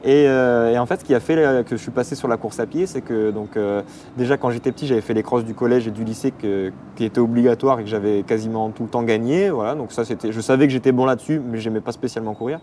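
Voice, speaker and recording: Young man from the Paris region, quick casual guest talk full of fillers, faint noise behind. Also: medium pitch, dark tone. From Paris region, France. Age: 20s. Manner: rapid, hesitant with many fillers. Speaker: athlete guest. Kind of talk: casual interview.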